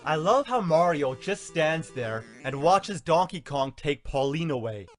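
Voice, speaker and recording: Higher-voiced man reviewing games, blunt and sarcastic. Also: very animated, measured pace. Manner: exasperated ranting, blunt, sarcastic. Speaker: video game reviewer. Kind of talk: scripted comedic review narration. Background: music.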